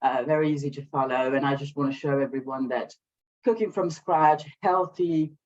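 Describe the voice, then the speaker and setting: As an interview guest on a video call, a small business owner from Sri Lanka who grew up in France from age eight tells her own story and presents her products, speaking hesitantly and often pausing to regroup. Her voice is rumbling low and darkish, and the highs are cut off.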